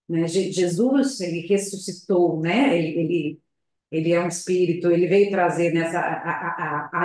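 Over a video call, a woman gives a public talk at a spiritist center, speaking slowly, reflectively and hesitantly, often adding tag questions. Her voice is on the low side with a darkish tone, and the room is very echoey.

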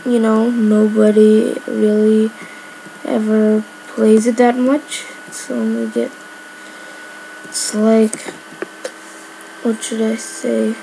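A woman's voice: a little high, little pitch movement, slow pace, vocal fry, long pauses, warm tone, slight background noise, low-quality recording. A woman giving casual gameplay commentary, rambling with lots of filler words. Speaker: gamer.

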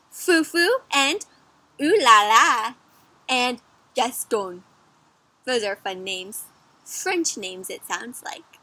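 Outdoors on a garden patio, a young adult woman with a bright, high voice leads a children's read-aloud. She talks expressively, aiming every line at little kids and drawing them in with questions. There's no room sound.

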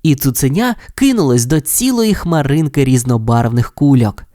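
A narrator reading a children's audio fairy tale in an expressive, lilting storytelling voice. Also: mid-range voice, normal speed, no echo, studio quality.

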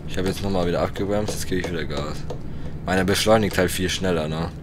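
A man's voice: steady tone, quick pace. A young man chatting casually in a laid-back, joking way with youthful slang while playing a game. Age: young adult. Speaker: gaming video host. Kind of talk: casual let's play chat. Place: indoor room at gaming setup. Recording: engine rumble behind voice. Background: truck game engine rumble.

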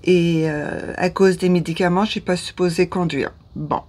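A woman's voice: fairly low pitch, steady tone, moderate pace, a little mellow. A woman in her fifties from Ottawa with a Canadian French accent, talking to camera in a hesitant way, often losing her words and restarting. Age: 50s. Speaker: vlogger. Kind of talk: casual talk to camera. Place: small room indoors.

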